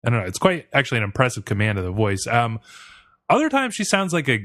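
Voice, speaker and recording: A man's voice: mid-range voice, wildly swooping pitch, fast, fairly bright tone, dry recording, studio quality. A man co-hosting a music review podcast, talking bluntly and leading the casual discussion. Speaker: podcast co-host.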